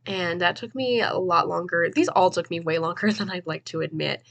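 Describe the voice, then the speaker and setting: Fairly low-pitched with vocal fry and a fairly bright tone, this young woman talks at normal speed in a stuffy, slightly nasal voice. As a chatty gaming video host, she rambles through a game build in casual voice-over commentary, full of fillers and laughs.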